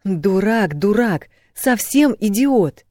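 Audiobook: man doing a high, fiery young woman, indignant and pleading, close dry read. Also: moderate pace, darkish tone, dry recording, natural voice. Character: spirited young woman, quick-tempered and loving. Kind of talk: audiobook reading.

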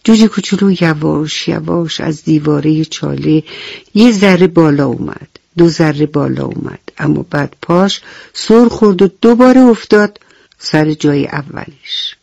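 A woman storyteller narrating a children's bedtime story for radio, gentle and speaking straight to the young listeners. Her voice is gravelly and sits fairly high. The recording is dull and very dry, close to a studio microphone. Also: dry recording. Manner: gentle, addresses children directly.

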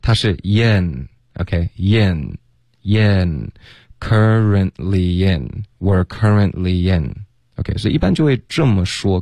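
A man with a fairly low voice teaches pronunciation on a radio lesson. He explains patiently and stretches words out slowly to demonstrate them. The sound is close and dry, with no room behind it. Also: a little mellow, no room sound. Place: radio studio.

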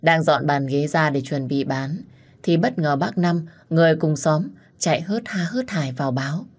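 A woman's voice: low voice, moderate pace, a little mellow. A young adult woman narrating a first-person family story in a plain, reflective way.

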